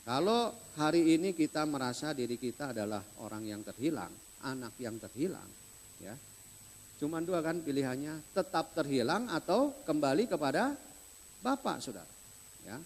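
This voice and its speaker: A man's voice: on the high side, very animated, moderate pace. A man preaching a sermon as pastor, putting questions to the congregation as he goes. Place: church hall. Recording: long hall reverb.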